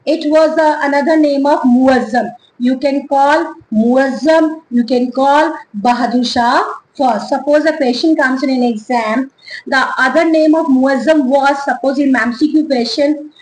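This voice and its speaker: A woman with an Indian English accent teaching an online history lesson, slowly dictating and repeating dates and names for students to note down. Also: high-pitched, a little mellow, reverberant, rough recording.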